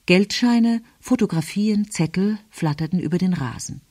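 A woman narrating a novel in calm, even storytelling. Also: fairly low pitch, moderate pace, dry recording, clean studio sound. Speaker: audiobook narrator. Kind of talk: scripted narration.

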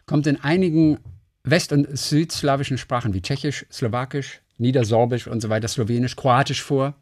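A man's voice: mid-range voice, normal speed. A man co-hosting a casual chat, rambling, reading facts aloud and correcting himself as he goes.

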